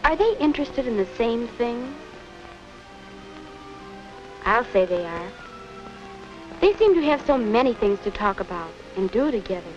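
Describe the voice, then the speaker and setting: In a 1950 educational film, an actress plays an earnest young American woman, full of wonder yet unsure about her romance, who keeps questioning herself. Her voice is fairly high and very animated at a moderate pace, with a pensive mood. The soundtrack is dull and vintage, with music.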